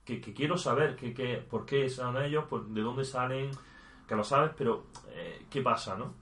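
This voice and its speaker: A man's voice: medium pitch, measured pace, a bit bright. A man chatting casually about video games, thinking aloud and restarting his sentences.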